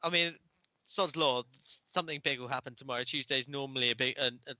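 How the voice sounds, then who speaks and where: Man, podcast host, rambling, bright tone, dry close sound. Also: mid-range voice, fast talker, dry recording. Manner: rambling, laughing often. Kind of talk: casual chat.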